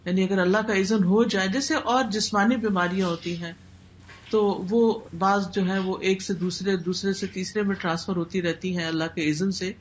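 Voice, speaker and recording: A woman giving a religious lecture in a measured, explanatory teaching manner. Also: mid-range voice, fairly even intonation, lo-fi sound, slight background noise. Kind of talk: Islamic lecture in Urdu.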